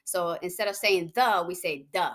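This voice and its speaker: Young woman from hawaii, lowish voice, chatty and loose, lots of ums. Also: normal speed, crowd noise. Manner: relaxed, rambling with many fillers and restarts. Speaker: MMA fighter, guest. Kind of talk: casual interview chat.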